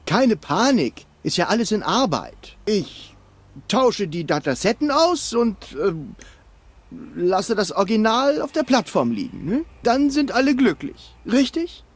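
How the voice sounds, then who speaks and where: Brief: a smug, flippant young rogue for a cartoon adventure game; lively pitch swings. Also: male voice, slightly rough, exaggerated voice. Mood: breezy. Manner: boastful, flippant, quick-tongued. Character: cocky scruffy young man, scheming and bumbling. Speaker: game protagonist.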